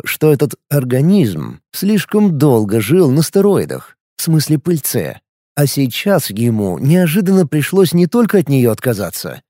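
A man narrating a science-fiction audiobook in measured, scripted storytelling. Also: a little high, dark tone, no room sound, clean studio sound.

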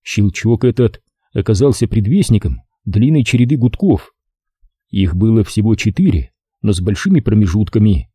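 A man reads a first-person story aloud in a wry, measured way, his pitch moving lively through each sentence. His voice is very dark and husky. It is recorded close and dry. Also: no echo. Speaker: audiobook narrator. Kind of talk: first-person audiobook narration.

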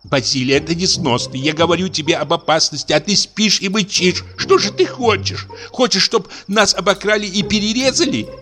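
A man voicing a frightened, hysterical lady of a summer house, shrill, pleading and indignant. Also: normal speed, hardly any pauses, pushed and bright, soft background music. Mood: shrill alarm.

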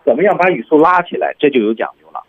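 Male radio English teacher, lively, slightly husky, tinny broadcast sound. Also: very fast. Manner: lively, demonstrates lines with heavy stress and rising pitch. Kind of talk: radio language lesson.

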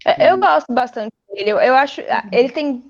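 A Brazilian woman giving animated, opinionated views as a panelist in a casual roundtable chat. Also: sits high, normal speed. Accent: Brazilian Portuguese. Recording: dull lo-fi audio.

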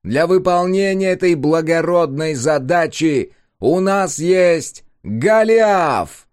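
A booming loudspeaker announcer. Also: male voice, lively intonation, dry recording, clean studio sound. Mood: proclaiming. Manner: slow, proclaiming each word. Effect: distant loudspeaker announcement. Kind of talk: audiobook narration.

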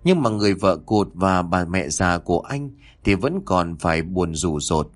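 A man narrating a horror story in a dramatic, expressive scripted reading. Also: low-pitched, moderate pace.

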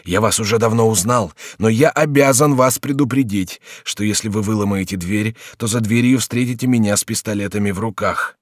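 A man's voice: on the low side, a little fast, few pauses, dry recording, clean studio sound, natural voice. A man voicing a stern, defiant male servant who guards a door, in an audiobook reading.

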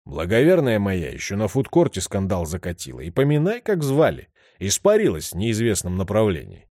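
A man's voice: fairly low pitch, huge pitch swings, moderate pace, darkish tone, dry recording, studio quality. A man voicing a crude, aggressive heavyset man with a coarse, leering manner. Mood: scornful. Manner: growling, aggressive. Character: crude menacing heavyset man, middle-aged.

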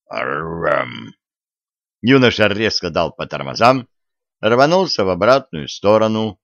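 A man reading a humorous fairy-tale audiobook as narrator in a lively storytelling manner. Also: on the low side, dry recording, highs cut off. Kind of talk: scripted narration.

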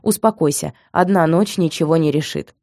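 A woman reading an audiobook, voicing a stern, domineering young man in a slow, heavy way. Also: sits low, dark tone, dry recording, studio quality.

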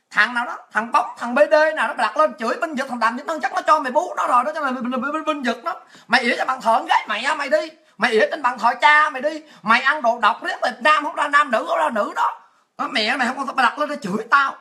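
A woman, born in Vietnam, hosts a livestream talk show. She rants crudely and abusively in a sharp, forceful voice and keeps breaking into laughter. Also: high-pitched.

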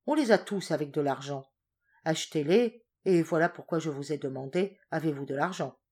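A woman voicing a scheming, sardonic male general-dictator in a storybook reading, with a brisk commanding manner. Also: sits low, warm tone, husky.

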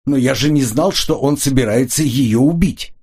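A man's voice: mid-range voice, moderate pace, mellow, breathy edge, pitched above the performer's own voice. A man voicing a sullen, curt former agent who answers defensively in an audiobook.

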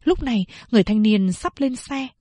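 A woman narrating a novel aloud in a measured storytelling manner. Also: fairly high pitch, lively intonation, mellow, no room sound, studio quality. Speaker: audiobook narrator. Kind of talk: scripted narration.

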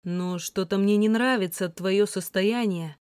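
A woman's voice: mid-range voice, a little slow, a little mellow, clean tone, dry recording, clean studio sound, close to an everyday voice. A woman reading the lines of an insistent, blunt adult man in an audiobook, in terse, pressing questions.

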